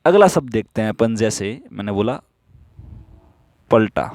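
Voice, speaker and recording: A man teaching stenography in a slow classroom style, who asks questions and answers them himself while repeating the rules. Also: fairly low pitch, expressive, a little mellow, no echo, clean studio sound.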